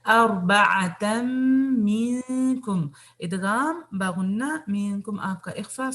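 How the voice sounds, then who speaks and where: A woman from Pakistan, teaching tajweed in an online class, reciting verses slowly and correcting pronunciation with quick asides. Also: mid-range voice. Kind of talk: tajweed lesson, reciting and explaining.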